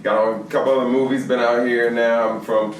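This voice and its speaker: A man's voice: mid-range voice, level tone, brisk, a little hiss or hum. A man from the Washington, D.C. area on a talk panel, speaking earnestly and reflectively. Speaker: actor on a panel. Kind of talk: panel discussion. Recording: echoey room from far off.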